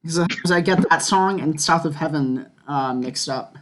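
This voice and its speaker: A man's voice: fairly high pitch, noisy background. A teenage boy co-hosting a podcast, joking around and riffing constantly in casual chat. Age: teens. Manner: goofy, joking, quick to riff and laugh. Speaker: podcast co-host.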